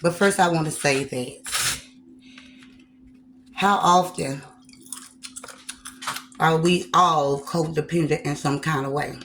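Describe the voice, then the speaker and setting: Woman, lower voice, casual eating-video chat, repeats herself, preachy asides, faint room noise. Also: slow, long pauses. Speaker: vlogger.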